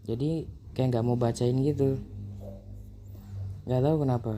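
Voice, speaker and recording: Man, very dark tone, flat delivery, relaxed casual chat. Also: medium pitch, normal speed, soft background music. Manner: relaxed, conversational explaining. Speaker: vlogger sharing app experiences.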